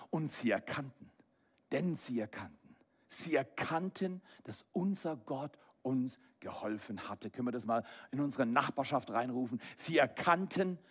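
A man preaching a sermon, moving between quiet low asides and loud raised passages. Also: slightly rough. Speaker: pastor.

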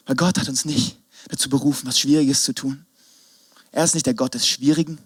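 A man preaching an energetic sermon, swinging between shouts and hushed asides. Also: mid-range voice, brisk, breathy edge, no echo. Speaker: pastor.

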